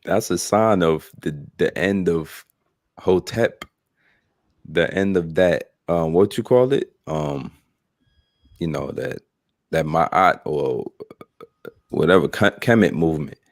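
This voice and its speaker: A man with a very low, deep voice hosts a casual religious discussion. He talks in a laid-back way, full of ums and uhs, and the sound is dry and close. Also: slow, long pauses, no echo. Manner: laid-back, many fillers.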